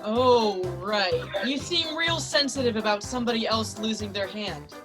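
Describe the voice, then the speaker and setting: A woman's voice: a little high, normal speed, loud music behind the voice, lightly acted. A woman playing a cheeky, sarcastic Peter Pan. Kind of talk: amateur radio play acting.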